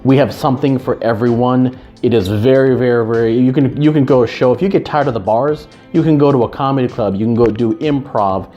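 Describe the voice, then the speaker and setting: A Chicago real estate agent speaks earnestly to the camera in a casual way, his mid-range, mellow voice moving briskly with hardly any pauses. He keeps restarting sentences and repeating words. The lo-fi recording sounds slightly dull, with faint music behind him.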